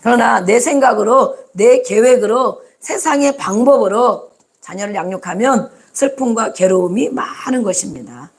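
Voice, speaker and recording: A woman's voice: on the high side, normal speed. A woman pastor preaching a sermon, putting rhetorical questions to the congregation and repeating phrases for emphasis.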